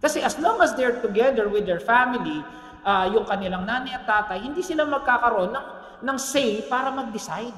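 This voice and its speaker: A middle-aged Filipino man preaching a sermon in a joking, animated way, with asides to the congregation. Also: extremely high pitch, brisk. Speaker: pastor. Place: church hall. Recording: echoey hall with long reverb.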